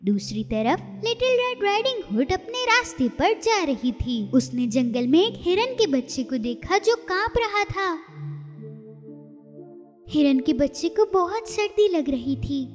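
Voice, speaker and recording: A woman narrating a storybook cartoon in an expressive, storytelling way. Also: very high-pitched, unhurried. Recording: reverberant, with music underneath.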